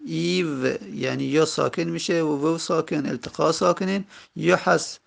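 A man teaching a grammar lesson, going slowly and repeating each example word. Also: a little high, fairly even intonation, vocal fry. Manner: slow, repetitive, drawing out example words. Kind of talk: Arabic grammar lesson in Persian.

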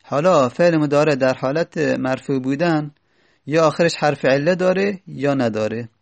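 A man's voice: a little high, gravelly, dry recording. A man teaching an Arabic grammar lesson, patiently repeating each rule and example step by step. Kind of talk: explanatory lesson.

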